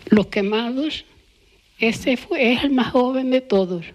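Older woman, Canarian accent, slow, halting, searching for words, slightly high-pitched. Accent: Canarian Spanish. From La Palma, Canary Islands. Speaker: interviewee. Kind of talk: oral history interview.

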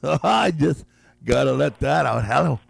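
His voice is going, but this radio host keeps his call-in guessing game moving, slowly repeating and stretching out every guess and chuckling along. He speaks in a mid-range, gravelly voice with a breathy edge and lively intonation, and there's no echo.

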